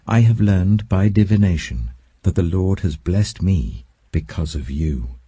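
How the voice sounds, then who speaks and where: A British man voicing a canny older livestock owner in a scripture story, bargaining deliberately and placatingly. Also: sits low, dark tone, breathy edge, full character voice.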